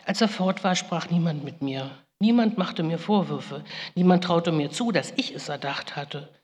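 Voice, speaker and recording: A woman's voice: fairly low pitch, normal speed, darkish tone, natural voice. A woman playing Rebekka, a guilt-ridden biblical mother, in a solemn, grave first-person monologue with pleading outbursts, in a big reverberant hall. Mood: solemn lament.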